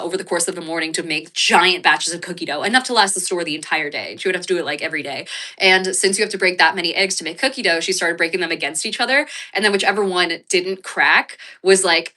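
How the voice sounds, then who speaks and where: An American woman is livestreaming and reading her chat, talking casually and rambling with plenty of swearing, fillers, and restarts. Her voice is fairly low, pushed, and bright, and she sounds sniffly and congested.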